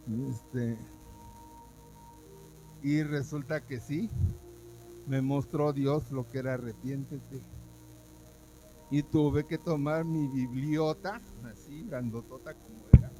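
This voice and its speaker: Emotional pastor preaching. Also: male voice, a little high, dark tone, low-quality recording. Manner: emotional storytelling, acting out his own past words. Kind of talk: sermon with personal testimony. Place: church service.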